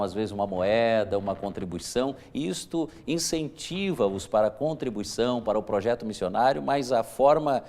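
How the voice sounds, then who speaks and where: A man's voice: on the low side, darkish tone. A pastor, explaining his church's mission work earnestly, as a guest on a televised church interview. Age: 40s.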